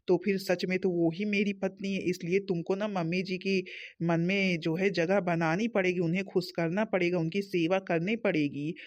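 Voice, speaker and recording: A young husband, acted by a voice actor in a cartoon story. He speaks at a mid pitch, soothing at first and then lecturing patiently. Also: close to an everyday voice. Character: young husband, calm and instructing.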